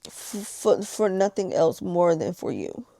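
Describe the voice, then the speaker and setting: A woman's voice: on the low side, sing-song, unhurried, creaky, warm tone, no echo. A woman chatting candidly in a confessional vlog, repeating phrases for emphasis, with the slightly slushy articulation of missing teeth. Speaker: vlogger. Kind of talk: casual confessional vlog chat. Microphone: small handheld vlogging camera.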